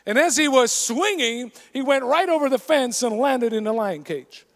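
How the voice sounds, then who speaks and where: High-voiced preacher in an echoing hall. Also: male voice, expressive, normal speed. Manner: conversational storytelling, earnest. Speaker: pastor. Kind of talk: sermon. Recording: long reverb of a large hall.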